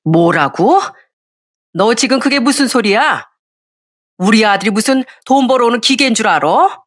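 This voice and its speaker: A woman's voice: a little high, lively intonation, normal speed, pitched above the performer's own voice. A woman voicing a domineering older mother-in-law who scolds her daughter-in-law harshly, in an audio story reading. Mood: scolding.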